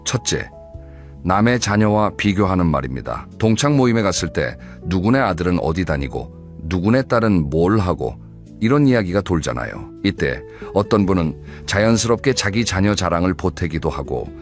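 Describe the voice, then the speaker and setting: Male narrator with a very low voice. Calm, measured advice read from a script. Faint music underneath. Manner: calm, measured and advising, speaking directly to the listener. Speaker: narrator of advice videos for older listeners.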